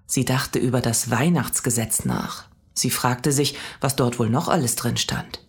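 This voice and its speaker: Very low-voiced husky woman reading a story. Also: darkish tone. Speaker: narrator. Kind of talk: reading a children's story aloud.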